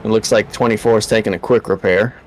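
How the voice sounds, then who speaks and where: A man giving color commentary on a live race, with measured, analytical talk and hesitant pauses. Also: fairly low pitch, steady tone, a little hiss or hum, rough recording.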